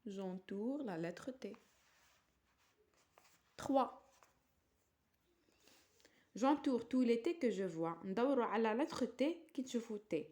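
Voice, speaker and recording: A woman with an Algerian accent teaching a slow primary-school French lesson, spelling out letters and words clearly and translating into Arabic. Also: on the high side, expressive, mellow.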